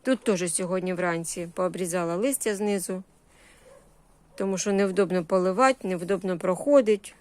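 Speaking at a moderate pace in a lowish, darkish voice, a woman shows a vegetable garden and greenhouse on a casual, unscripted tour. Her short, homely phrases are full of diminutives. She talks with a Ukrainian accent that mixes in Russian-influenced surzhyk words.

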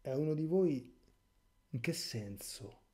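Dark-voiced impassioned priest. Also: male voice, on the high side, animated, takes it slowly. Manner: impassioned, rhetorical, sarcastic asides. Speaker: priest giving catechesis. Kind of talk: catechesis sermon.

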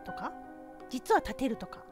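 A woman's voice: high voice, big pitch swings, moderate pace, music in the background. A woman from Japan streaming a horror game, thinking aloud to herself, nervous and easily startled. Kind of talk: casual horror game let's play commentary.

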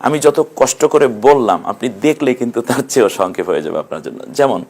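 A man's voice: mid-range voice, very animated, fast, a little mellow. A man teaching Quran recitation rules in an online lesson, explaining patiently and chanting short verse examples.

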